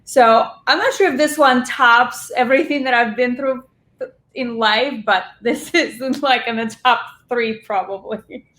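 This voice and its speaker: A woman's voice: a little high, unhurried. A woman in her forties, originally from Russia, talking chattily as a restaurant owner guest in an interview. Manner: warm, chatty storytelling with laughs. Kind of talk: interview conversation. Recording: roomy echo.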